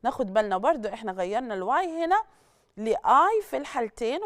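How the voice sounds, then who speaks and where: Egyptian woman teacher, bright lively delivery, dry close recording, classroom lesson style. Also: on the high side, no echo. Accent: Egyptian Arabic. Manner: explains in Arabic, then switches to English examples; lively, questioning, checks in with students. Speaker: English teacher.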